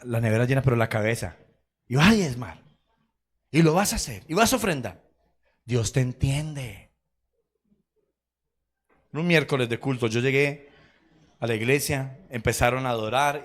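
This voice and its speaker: A man preaching a sermon in a church, his voice pitched in the middle range for a man. He tells personal stories, slips into acted quotes and laughs along the way. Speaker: pastor.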